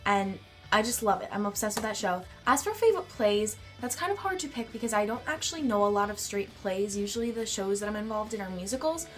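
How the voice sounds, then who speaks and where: Chatting animatedly and fast, a teen girl vlogger works through a tag in her bedroom while soft music plays. Her medium-pitched voice has a congested, nasal quality from a cold, yet her mood is bubbly.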